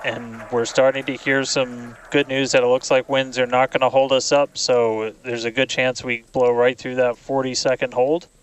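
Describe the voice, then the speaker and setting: A man with a mid-pitched voice gives live launch commentary, explaining technical steps in an informal way. There is slight noise behind him. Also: flat delivery, normal speed, few pauses, poor audio.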